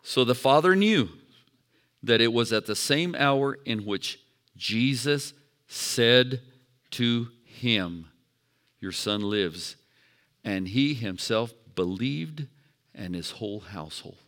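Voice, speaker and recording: A middle-aged male pastor preaching a sermon, swinging from hushed storytelling to shouted calls for praise. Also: medium pitch, animated, slow pace.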